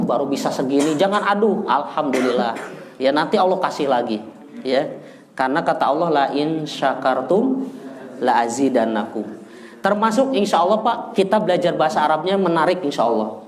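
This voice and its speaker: Echoey Indonesian man teaching Arabic. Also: fairly high pitch. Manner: lively, teasing, jokes with students. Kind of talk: classroom lesson. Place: indoor classroom. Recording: echoey room, far from the mic.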